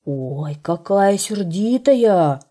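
A big, gruff male bull from a storybook who bellows blunt promises, as a woman acts him out. He speaks slowly in a warm, mellow voice. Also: medium pitch, expressive. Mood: blustering.

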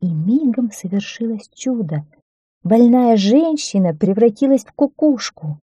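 Dark-toned woman reading a children's tale. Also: on the high side, a little slow, breathy edge, no room sound, dull audio. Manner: calm, steady storytelling. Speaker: narrator. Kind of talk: reading a children's story aloud.

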